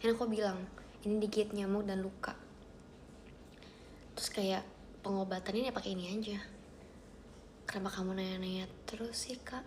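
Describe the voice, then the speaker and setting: A young woman hosting a casual livestream from home, chatting with viewers, thanking them and often dropping into soft whispers. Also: mid-range voice, steady tone, moderate pace, pauses often, noisy background. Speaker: idol livestream host. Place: at home, outside her bedroom.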